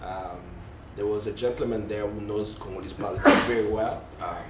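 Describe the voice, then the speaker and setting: A man on a conference hall panel talks a little fast in a fairly low, steady voice. He searches for words, corrects himself, and says um and uh frequently. The roomy hall and distant mic leave faint noise in the recording.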